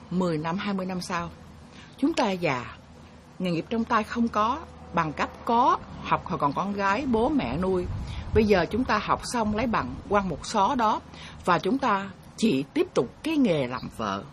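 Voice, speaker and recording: A woman's voice: medium pitch, big pitch swings, moderate pace, a little hiss or hum. A woman hosting her own show, telling viewers a story in an earnest, chatty way and referring to herself by name. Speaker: host. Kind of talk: casual storytelling talk to viewers.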